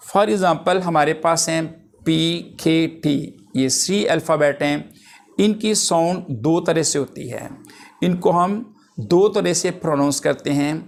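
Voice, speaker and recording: A man teaching a linguistics lesson, drawing out English terms and example words slowly and deliberately. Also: fairly high pitch. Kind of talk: lecture.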